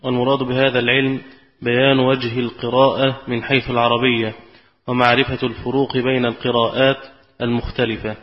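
A man reading a scholarly text aloud to a class in a formal, measured way. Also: mid-range voice, level tone. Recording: lo-fi recording in a reverberant hall.

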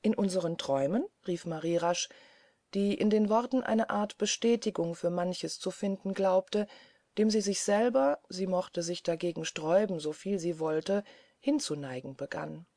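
A woman narrating a classic novel in a calm, steady voice. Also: on the low side, measured pace, no echo. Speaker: audiobook narrator.

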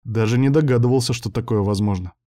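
A man's voice: medium pitch, quick pace, warm tone. Man narrating a first-person audiobook.

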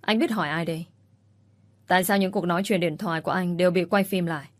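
A woman's voice: fairly low pitch, fast, dry recording, lightly acted. A woman reading the lines of an angry young husband, in an accusing manner.

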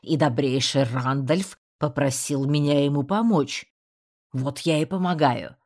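A woman's voice: low voice, a little mellow. Ragetti, a bossy rat voiced by a woman. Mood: commanding. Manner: brisk, commanding. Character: bossy young male rat, commanding.

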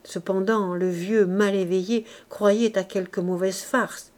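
Reading a classic novel as an audiobook, a woman narrates in a measured storytelling manner, her mid-range voice steady and darkish in tone.

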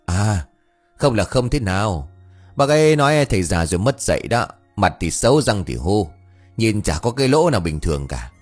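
A man voicing a cheeky, gossipy young village man who talks high and whiny, speeding up when upset. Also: big pitch swings, normal speed, faint music behind. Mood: chatty.

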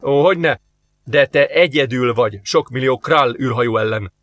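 A man's voice: mid-range voice, fairly bright tone, no room sound, studio quality, close to an everyday voice. A man voicing a stern, hostile male alien warlord in an audiobook, talking in curt commands. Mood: coldly threatening.

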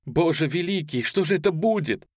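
A man's voice: on the high side, lively intonation, moderate pace, no echo, clean studio sound, pitched above the performer's own voice. A man doing a wailing, terrified young mother. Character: frightened young mother, panicking.

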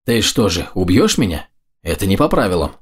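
A man's voice: deep voice, very animated, fairly quick, husky, heavily acted. Man putting on a mocking cocky rogue. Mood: alarmed. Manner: mocking, teasing. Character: sardonic cocky male game character.

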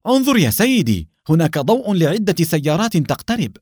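A man voicing a brisk, urgent female agent. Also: fairly high pitch, sing-song, darkish tone, no room sound, clean studio sound, pitched above the performer's own voice. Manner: urgent, insistent.

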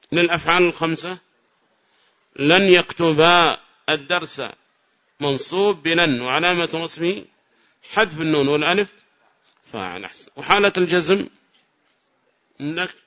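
A man teaches a grammar lesson, praising his students' answers and calling on them with questions. His voice sits a little high and sounds bright. The recording is muffled and lo-fi. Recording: dull lo-fi recording.

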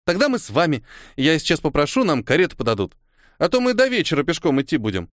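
A man's voice: big pitch swings, dry recording, clean studio sound. A man voicing a pushy eight-year-old girl who fires off questions insistently. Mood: inquisitive. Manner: rapid-fire questions, high and insistent. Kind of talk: audiobook character voice.

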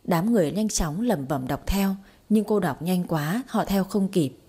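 A woman narrating a story in a steady, expressive audiobook style. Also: lowish voice, a little slow, breathy edge.

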